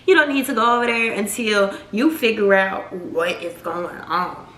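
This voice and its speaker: A woman's voice: medium pitch, normal speed, fairly bright tone, close to an everyday voice. A woman voicing her worried mother, giving urgent orders. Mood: insistent. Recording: roomy echo.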